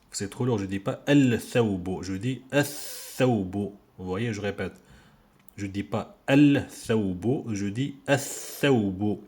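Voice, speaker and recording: A man's voice: lowish voice, a little mellow. A man giving an informal video lesson on Arabic letters, patiently repeating words for learners, recorded on a handheld phone. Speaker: Arabic teacher.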